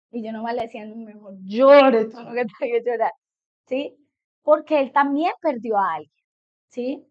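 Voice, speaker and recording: A middle-aged woman psychologist giving a conversational talk to a group of parents, often checking in with her listeners. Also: high voice. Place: meeting room with an audience. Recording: dull lo-fi recording.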